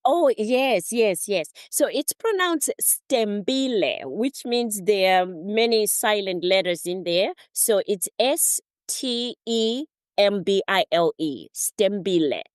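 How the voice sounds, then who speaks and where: A middle-aged woman from Zimbabwe, a therapist and motivational speaker, telling her story as a guest in a relaxed interview, laughing now and then. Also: mid-range voice, slow, few pauses, smooth, dry recording, studio quality. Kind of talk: casual interview talk.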